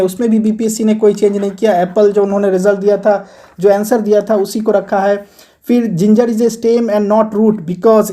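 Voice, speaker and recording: A man's voice: sits high, warm tone. A man teaching an exam-preparation video lesson, explaining answers one point at a time in a conversational way.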